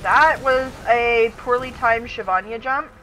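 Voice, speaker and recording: A woman streaming a team game, chatting casually with friends, playful and goofy, often laughing and shouting. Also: fairly high pitch, unhurried, a little hiss or hum. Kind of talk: casual gaming chat with friends.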